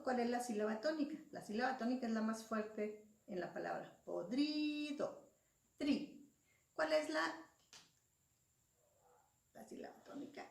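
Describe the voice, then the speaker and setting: Woman teacher, unhurried and patient, slightly high voice; distant mic, roomy echo. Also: gravelly. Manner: patient, spells out syllables and letters. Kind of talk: slow classroom explanation. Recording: echoey room, voice far from mic.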